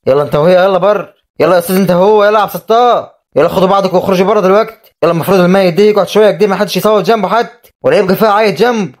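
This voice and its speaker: Guy doing a pushy egyptian cartoon brother barking orders, talks super fast, a bit high. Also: close to an everyday voice. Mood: bossy. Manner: commanding. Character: bossy, impatient grown man ordering family out. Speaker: voice actor. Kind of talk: animated drama acting.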